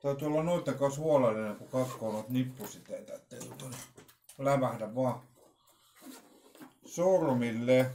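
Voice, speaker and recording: This middle-aged man's medium-pitched, mellow voice comes with long pauses as he presents a casual unboxing without a script, rambling hesitantly and repeating words. Recorded indoors in a small home room, the audio is echoey and roomy with a little hiss or hum.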